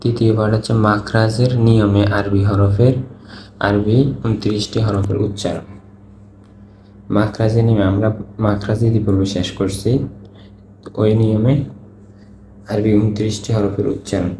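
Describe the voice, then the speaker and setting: A man's voice: lowish voice, level tone, normal speed, pauses often, mellow. A man teaching a recorded online Quran reading lesson, patiently drilling letter sounds over and over. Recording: echoey room, faint background noise.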